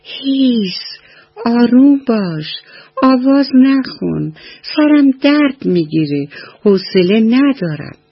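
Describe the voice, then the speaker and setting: Fussy, worn-out old tree with a quavering voice, put on by a woman storyteller, husky, slightly dull radio sound. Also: a little high, sing-song, pitched above the performer's own voice, heavily acted. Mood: weary pleading. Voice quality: trembling voice. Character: grumpy tired old tree, male.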